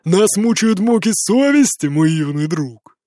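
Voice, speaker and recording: A drunk, bitter man who drawls slowly and jeers at everyone around him, voiced by a male reader. His speech is slurred and loose, climbing into shouts when he loses control. The voice sits high, and the reading is dry and close. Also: expressive, no echo. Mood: drunkenly mocking. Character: drunk bitter middle-aged man, mocking and volatile.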